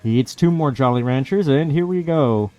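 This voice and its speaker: A man's voice: medium pitch, normal speed, a little mellow. Sweary man doing gaming commentary. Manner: sarcastic, sweary, complaining. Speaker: let's play host. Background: video game music.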